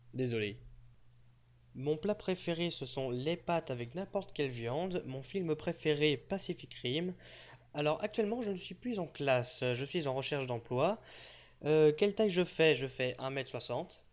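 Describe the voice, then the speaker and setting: Playful young man, slightly high voice. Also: animated, normal speed. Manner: joking, teasing, with mock-serious asides. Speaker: page admin answering fan questions. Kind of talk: casual FAQ voice-over. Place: unseen voice-over.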